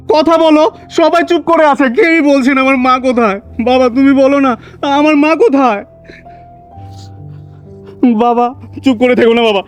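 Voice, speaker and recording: A young man, playing a distraught son who pleads over and over and then wails for his dead mother. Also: very high voice. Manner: pleading, wailing, repeating himself. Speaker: actor in a short drama. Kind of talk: melodramatic drama acting.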